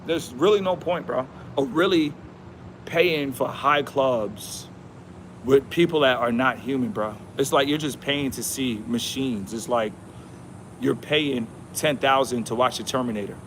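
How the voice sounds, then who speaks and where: A man's voice: medium pitch, measured pace, fairly bright tone, slight background noise. Slangy man livestreaming outdoors. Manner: slangy, repetitive, emphatic, says "bro" a lot. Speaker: livestream host. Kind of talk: casual livestream monologue.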